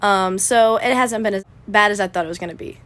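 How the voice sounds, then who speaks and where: A woman's voice: medium pitch, fairly quick, fairly bright tone. A young college woman answering interview questions in a composed, articulate way. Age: young adult.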